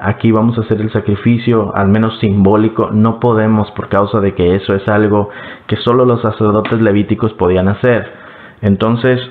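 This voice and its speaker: A man teaching a Bible lesson, explaining passages and speaking directly to the listener. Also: fairly low pitch. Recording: phone-like narrow band.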